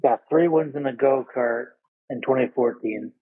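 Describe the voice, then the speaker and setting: A man's voice: medium pitch, normal speed, breathy edge. A man from New York co-hosting a casual podcast, recounting his racing years in a matter-of-fact, profane way. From New York, USA. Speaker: podcast co-host. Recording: tinny phone-like line.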